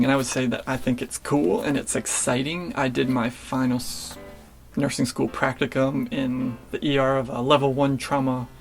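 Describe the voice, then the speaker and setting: Young male nurse vlogger, gravelly and flat, easygoing with lots of ums, soft music under him. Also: medium pitch. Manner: relaxed, filler-heavy, restarts. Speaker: nurse answering viewer questions. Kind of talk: casual Q&A vlog.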